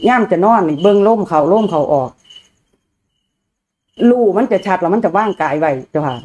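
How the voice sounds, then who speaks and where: A woman's voice: on the low side, expressive, dark tone, dull audio. A woman with an Isan accent, a lay follower, earnestly and respectfully describing her meditation to a monk. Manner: deferential, fast earnest speech.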